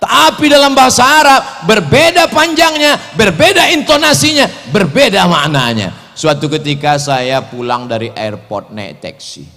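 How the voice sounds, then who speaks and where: A man preaching a sermon in an animated, joking way, his voice jumping sharply in pitch and loudness. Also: moderate pace, few pauses. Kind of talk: humorous sermon. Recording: long hall reverb.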